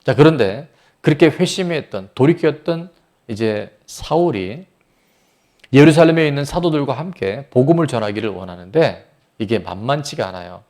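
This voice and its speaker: A man's voice: mid-range voice, animated, moderate pace, a little mellow. A man pastor preaching a sermon, asking the congregation questions and acting out voices from the story. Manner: asks the congregation questions and acts out quoted voices.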